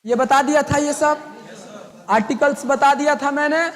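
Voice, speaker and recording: A hoarse male teacher lecturing a classroom and dictating notes, repeating each line slowly and hushing the students. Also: very high voice, steady tone, big-room sound. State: hoarse, sore throat.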